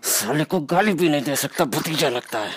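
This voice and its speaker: A man's voice: a little high, animated, moderate pace, a little hiss or hum, natural voice. A man acting an angry father who scolds and threatens in a comedy skit. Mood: irritated.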